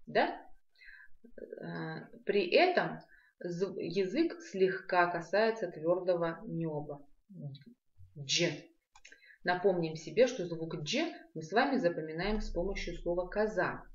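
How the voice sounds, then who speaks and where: A woman teaching a language lesson, patiently repeating sounds slowly and clearly. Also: lowish voice, animated. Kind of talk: video lesson on pronunciation. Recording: echoey room, dull lo-fi sound.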